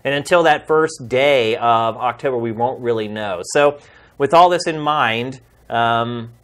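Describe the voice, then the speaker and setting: A man with a medium-pitched, fairly bright voice speaks a little slowly as he closes out a games podcast in a studio. He is a podcast host and games journalist, and his sign-off is earnest, heartfelt, pleading, and conversational.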